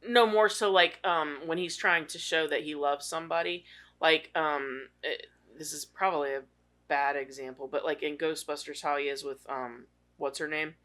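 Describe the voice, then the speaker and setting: A man's voice: a little high, moderate pace. A man co-hosting a movie podcast, talking casually and at length, often restarting his sentences. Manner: talkative, trails off and restarts, animated. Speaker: podcast co-host.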